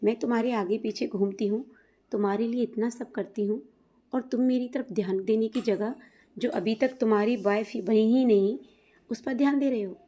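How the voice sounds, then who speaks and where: Figure: jealous, scheming young wife, read by a woman narrator. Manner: pushy and demanding. Tone: mellow, low brightness. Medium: storybook reading. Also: fairly even intonation, moderate pace, natural voice.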